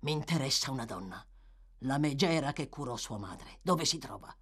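A woman voicing a shady, menacing mysterious stranger, a man who talks in a low, hushed, curt way. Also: lively intonation, normal speed, breathy edge, exaggerated voice.

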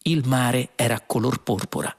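A man narrating an audiobook with a measured, expressive reading. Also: medium pitch. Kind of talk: scripted narration.

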